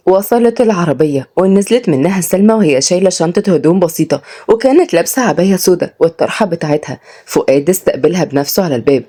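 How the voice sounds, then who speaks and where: A woman's voice: lowish voice, lively intonation, fast talker, warm tone. A woman storyteller with an Egyptian Arabic accent, narrating a romance story.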